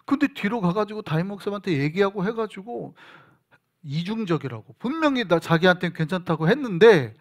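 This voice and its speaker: A man preaching a sermon as pastor, telling stories in an animated way and acting out bits of dialogue. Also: high voice, fairly quick. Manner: storytelling, animated, acts out dialogue. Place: church sanctuary.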